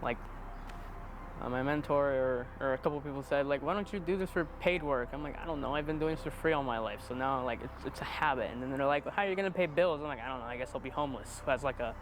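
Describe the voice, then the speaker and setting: In a casual chat, a twenty-one-year-old interviewee who shoots amateur video rambles, pokes fun at himself and jokes around. He talks fast at a medium pitch over background noise.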